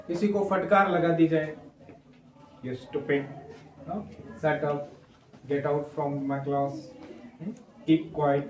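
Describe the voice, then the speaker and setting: A man's voice: high voice, darkish tone. A male teacher giving a grammar lesson, explaining step by step and checking in with the class often. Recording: echoey room, mic at a distance.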